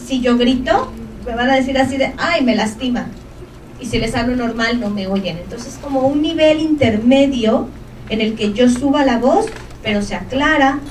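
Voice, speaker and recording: A woman's voice: high voice, darkish tone, a little hiss or hum. A woman gives an informative talk to a live audience and keeps checking in with short questions. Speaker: presenter of an information session. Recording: echoey room from a distance, faint ambience.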